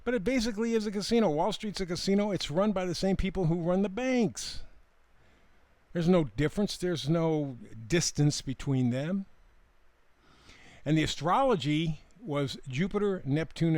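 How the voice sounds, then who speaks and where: Host type: emphatic solo commentator, slightly high male voice, dry close sound. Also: normal speed, no room sound. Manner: animated and emphatic, with mocking asides. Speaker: astrology commentator and show host.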